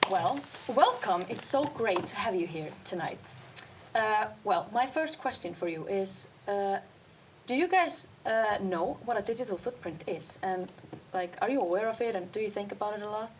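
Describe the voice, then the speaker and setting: A young woman hosting a student talk show, upbeat and lively in her introductions and questions. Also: mid-range voice, normal speed, a little hiss or hum. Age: teens or young adult.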